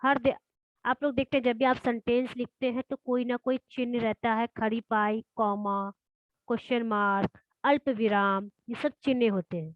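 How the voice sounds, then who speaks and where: A school teacher with a high female voice gives a classroom grammar lesson in fairly even intonation. She reads definitions slowly, then explains them by putting questions to her pupils. The recording is dull, lo-fi and dry.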